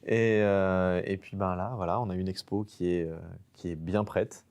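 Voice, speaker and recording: A man with a fairly low voice, from French Guiana, speaks about his photographs in a relaxed festival interview. He hesitates often, filling gaps and restarting his phrases as he goes. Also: normal speed, clear, resonant tone. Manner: hesitant, many fillers and restarts. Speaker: nature photographer exhibiting.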